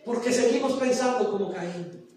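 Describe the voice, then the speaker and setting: A man preaching a sermon as pastor, passionate, firing rhetorical questions and rising to shouts. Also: very high-pitched, moderate pace, a little hiss or hum. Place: church sanctuary. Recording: very echoey church from a distance.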